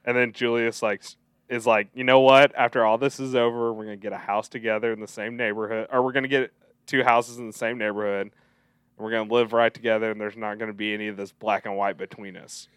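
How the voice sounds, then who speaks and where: A man's voice: lowish voice, level tone, fast, fairly bright tone, clear, resonant tone, no echo, studio quality. A young man co-hosting a casual podcast, eagerly retelling and quoting favorite movie scenes. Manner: enthusiastic retelling of film scenes, quoting lines. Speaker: podcast co-host.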